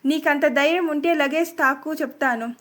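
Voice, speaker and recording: A stubborn young husband in a storybook drama, read by a woman, bossy and threatening. Her voice stays high even as he gives orders. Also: moderate pace. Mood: angry, pleading. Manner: commanding, threatening.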